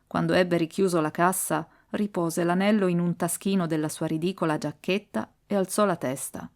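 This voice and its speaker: Una narratrice di audiolibri con un timbro basso e una lettura teatrale e partecipe. Racconta una storia classica con tono recitato. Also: female voice, moderate pace. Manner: expressive, dramatic reading. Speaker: audiobook reader. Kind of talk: scripted narration.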